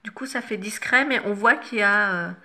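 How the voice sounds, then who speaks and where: Woman makeup vlogger, chatty and loose, bright forward tone, lots of fillers and restarts. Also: mid-range voice, moderate pace. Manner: chatty, many fillers and self-corrections. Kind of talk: casual makeup tutorial chat. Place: home, no studio lighting.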